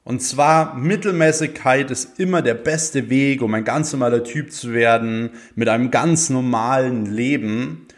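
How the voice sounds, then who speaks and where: A man's voice: mid-range voice, a little slow, hardly any pauses. A young man talking casually and motivationally to his viewers, with many fillers and rising emphasis on his key points. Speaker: motivational speaker.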